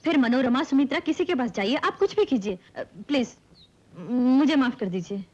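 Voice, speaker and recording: A woman's voice: high-pitched, expressive, moderate pace, a little mellow. An actress playing a proud, stubborn young woman in a 1970s Hindi film, who talks curtly. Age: young adult. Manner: curt and refusing, then tearful. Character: proud stubborn young woman who later weeps over lost love. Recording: dull old film soundtrack with music.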